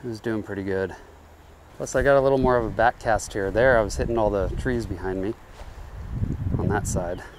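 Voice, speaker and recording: Filming himself with a head-mounted action camera, a man fly fishes on a riverbank outdoors and chats casually with viewers, calling them guys as he explains his casting. His fairly low voice moves briskly, relaxed and chatty, with a little hiss or hum on the recording.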